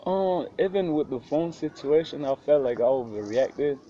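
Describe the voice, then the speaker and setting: Speaking at a normal speed, this South Sudanese interview guest has a high-side, animated voice with a dark tone. He's laid-back and uses street slang fillers in casual talk, captured in a muffled recording with faint noise behind him.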